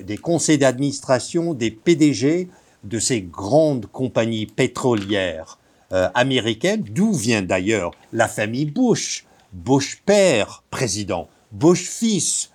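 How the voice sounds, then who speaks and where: Slow, deliberate male professor from Texas. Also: medium pitch, darkish tone. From Texas, United States. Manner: deliberate, lecturing, with fillers and restarts. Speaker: professor, guest. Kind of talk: radio interview.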